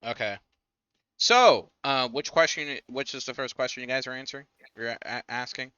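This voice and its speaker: A man's voice: mid-range voice, moderate pace, sharp tone, clear, resonant tone, dry recording. A man running a tabletop game as game master, chatting casually and narrating scenes, in a slightly dull recording.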